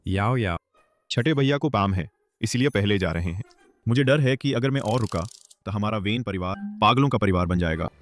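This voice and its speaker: A man playing a gentle doting big brother. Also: lowish voice, animated, moderate pace, close to an everyday voice. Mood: reassuring. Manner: soft, reassuring.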